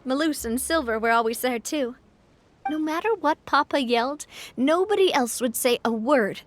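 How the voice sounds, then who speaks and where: Over soft game music, a woman with a high, natural voice plays a young noblewoman in a video game, speaking at a moderate pace. The character, a young adult, is normally cheerful, confident, and quick to laugh, but she turns wistful as she reflects here.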